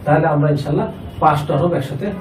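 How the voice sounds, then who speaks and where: A man's voice: a little high, a little mellow, distant mic, faint music behind. Man teaching in an echoey classroom. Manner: asks students questions and repeats answers; drawn-out chanting of syllables. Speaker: Quran reading teacher. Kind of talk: classroom lesson with call and response.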